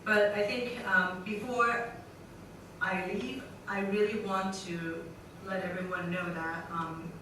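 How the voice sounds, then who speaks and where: A woman speaking for the school gives a measured, upbeat welcome address. Her voice booms through a very reverberant hall, picked up from far away. Steady room noise runs underneath. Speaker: school representative. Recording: very echoey hall, distant mic, noisy.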